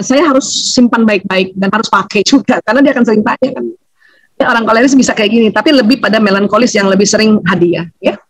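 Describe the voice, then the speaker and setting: Animated woman lecturer. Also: on the high side, dry recording, rough recording. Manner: animated, chatty, laughs often, acts out quotes. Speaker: seminar speaker on family relationships. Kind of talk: lively seminar talk.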